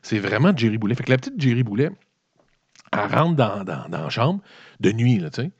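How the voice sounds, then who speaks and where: A man with a Québécois French accent and a lowish, husky, fairly quick voice recaps a movie in a rambling, comedic way full of swearing. His storytelling is animated and colloquial, and the recording is dull, dry and lo-fi.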